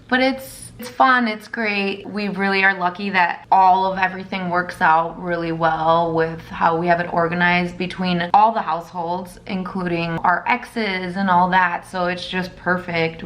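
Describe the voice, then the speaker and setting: A raspy-voiced woman in her thirties, chatting casually as she walks through a makeup tutorial. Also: mid-range voice, a bit bright. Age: 30s. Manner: rambling, chatty, narrating as she works. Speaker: makeup vlogger.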